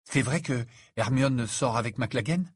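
A man's voice: medium pitch, measured pace, husky, no room sound, studio quality. A man reading aloud and voicing a clumsy, teasing teenage boy wizard in a storybook. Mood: casual.

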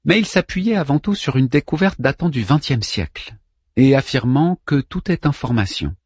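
Husky guy reading a sci-fi audiobook, lively delivery, dry close sound. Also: medium pitch, normal speed, dry recording. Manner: expressive, varied delivery. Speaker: audiobook narrator. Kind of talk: scripted narration.

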